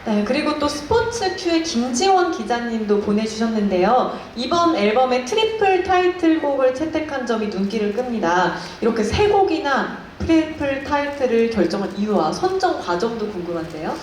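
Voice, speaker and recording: Polite lady event host, higher voice, formal and polished, super echoey room. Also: very animated, normal speed, few pauses. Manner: polite, formal, articulate presenter. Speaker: showcase host. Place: indoor press showcase venue. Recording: very echoey hall, faint noise.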